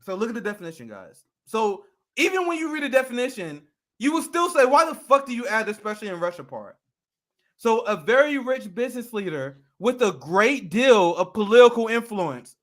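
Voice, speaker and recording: Young man, high voice, very bright tone, heated profane rant, political podcast host. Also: big pitch swings, brisk.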